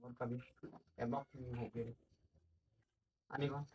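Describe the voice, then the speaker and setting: A man talking gently and in a fatherly way, coaxing children outdoors by a mountain stream. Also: medium pitch, flat delivery, measured pace. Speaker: vlogger. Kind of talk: casual vlog talk. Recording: dull lo-fi sound with faint noise.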